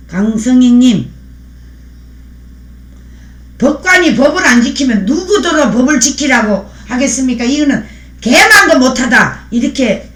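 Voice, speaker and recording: A woman's voice: on the high side, a bit bright, echoey room. A woman hosting a live stream, speaking in a fiery, preachy way and thanking viewers by name as she reads their comments. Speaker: livestream host.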